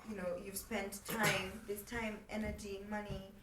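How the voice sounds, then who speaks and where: A woman's voice: mid-range voice, level tone, a little slow. A woman hosting a podcast, asking questions casually with lots of "um" and "mm-hmm". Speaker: podcast host. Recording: echoey room, distant from mic, faint noise.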